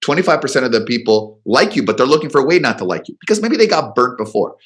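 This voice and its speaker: A man's voice: medium pitch, sing-song, fast talker. A man, a business coach guest on a radio show, telling a rambling story and acting out the quotes.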